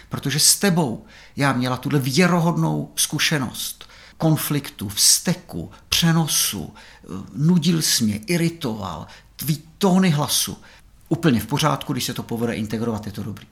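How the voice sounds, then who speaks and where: A man with a gravelly, creaky voice talks frankly and thoughtfully as a psychotherapist and supervisor. He speaks in a reflective podcast conversation. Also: mid-range voice.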